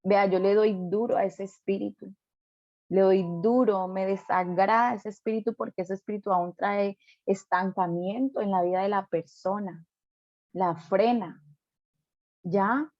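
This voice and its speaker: A woman's voice: medium pitch, fairly even intonation, measured pace, darkish tone, dry recording, highs cut off. A woman pastor preaching a sermon emphatically, often adding rhetorical tag questions.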